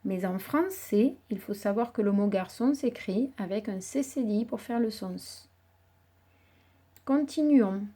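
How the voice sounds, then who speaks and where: Slow patient schoolteacher woman. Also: medium pitch, mellow. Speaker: primary school teacher. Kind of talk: slow dictation lesson for young children.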